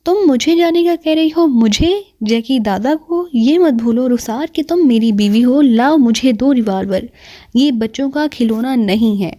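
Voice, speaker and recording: Brief: woman narrator reading a boastful male thug in an audiobook, threatening and gruff, mellow tone. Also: on the high side, lightly acted. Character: menacing male street thug, hot-tempered and boastful.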